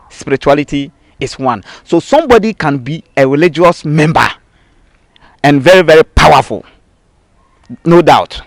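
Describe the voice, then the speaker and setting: A man with a Ghanaian accent, a native Twi speaker, talks at medium pitch with no room sound. He is a babalawo spiritual practitioner being interviewed, explaining things in an emphatic, repetitive, teacherly way.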